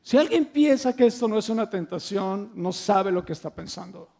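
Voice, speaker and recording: A male preacher delivering a sermon in a high, gravelly voice. He builds his phrases into emphatic, impassioned peaks and keeps throwing rhetorical questions at the congregation. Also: expressive, normal speed, mellow.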